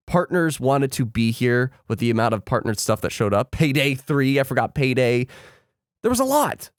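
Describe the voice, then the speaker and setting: A man with a medium-pitched voice speaks in the manner of a vlogger. He gives casual, opinionated commentary straight to his viewers, rambling conversationally, in a dry recording with little room sound. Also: no room sound. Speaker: gaming vlogger, channel host.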